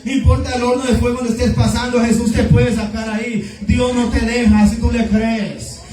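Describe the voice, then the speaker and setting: Fervent high-voiced man preaching. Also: level tone, moderate pace, dark tone. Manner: fervent, repetitive exhortation. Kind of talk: sermon. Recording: echoey room, distant mic, faint music.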